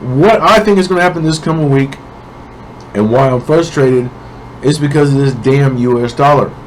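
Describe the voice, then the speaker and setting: A man's voice: mid-range voice, normal speed, a little hiss or hum, low-quality recording. Congested man with a cold. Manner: casual, keeps checking in with "okay?". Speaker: forex trading analyst. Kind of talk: weekly market prediction talk.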